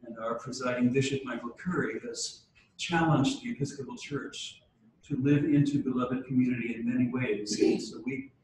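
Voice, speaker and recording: A man's voice: mid-range voice, steady tone, darkish tone, slight background noise. Man speaking in a cathedral echo. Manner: measured and formal, with occasional halting restarts. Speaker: church leader opening a diocesan meeting. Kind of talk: formal address and liturgical prayer. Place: large church hall. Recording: cavernous church echo from a distant mic.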